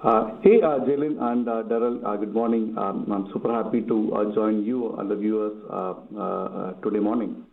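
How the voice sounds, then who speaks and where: A man's voice: on the low side, normal speed, creaky, hardly any pauses. A man phoning in as a guest on speakerphone, sounding echoey and hesitant with many filler sounds. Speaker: guest, general manager. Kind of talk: phone-in interview. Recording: echoey tinny speakerphone call.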